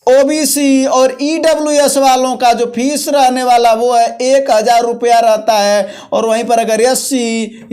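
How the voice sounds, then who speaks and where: A job-notification video host explains exam and job details in a casual, instructional way, using a medium-pitched, darkish voice. They go back over important points and keep checking that listeners are following.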